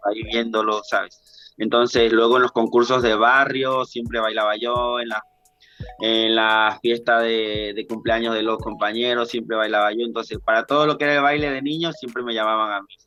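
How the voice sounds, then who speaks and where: Bright-voiced Ecuadorian man, rambling chat. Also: mid-range voice, level tone, moderate pace, muffled recording, soft background music. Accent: Ecuadorian Spanish. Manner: chatty, rambling with many restarts. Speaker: guest dancer. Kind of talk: casual podcast interview.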